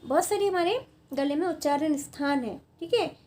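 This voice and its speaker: High-voiced woman teaching a patient lesson. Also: expressive, normal speed, warm tone. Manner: patient, repeats and checks with "theek hai", "hai na". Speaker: Sanskrit teacher. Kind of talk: classroom lesson at a board.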